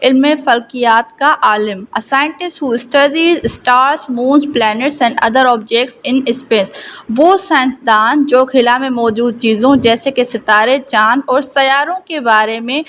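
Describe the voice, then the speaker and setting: High-voiced Pakistani woman teaching English slowly. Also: fairly bright tone, a little hiss or hum, poor audio. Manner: reads English slowly, then explains it in Urdu. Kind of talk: recorded classroom lesson.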